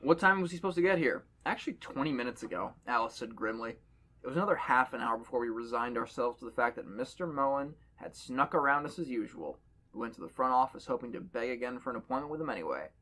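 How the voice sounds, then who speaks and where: On a podcast, a man with a mid-range voice reads a horror story to his friends, his delivery fast, pushed and bright with lively intonation. He performs the dialogue aloud and jokes around between passages in casual banter.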